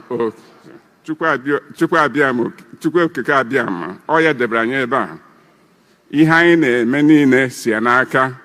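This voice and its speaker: This Nigerian man with an Igbo accent, in his eighties, speaks with a mid-range, pushed, bright voice followed by a long reverb tail. Acting as an elder breaking kola nut, he delivers a ceremonial speech that wanders and circles back on itself.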